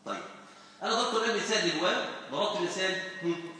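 A man teaching Arabic grammar to a class, lively and quizzing his students with questions. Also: sits high, fast talker, a little hiss or hum. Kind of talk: classroom lesson. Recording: echoey hall, recorded from far off.

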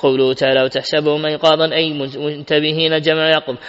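Fast, flat-voiced man reading commentary. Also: fairly high pitch, smooth. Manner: reads steadily with frequent self-corrections and restarts. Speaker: Quran commentary reader. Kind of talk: reading classical tafsir aloud. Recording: dull lo-fi recording with long hall reverb.

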